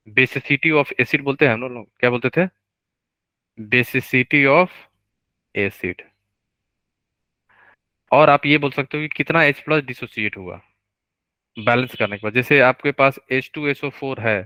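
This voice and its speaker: A man teaching a live online chemistry class, explaining step by step, slowing down to dictate formulas and often checking that students follow. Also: medium pitch, sharp tone, no echo, poor audio. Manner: explains step by step, keeps asking students to confirm.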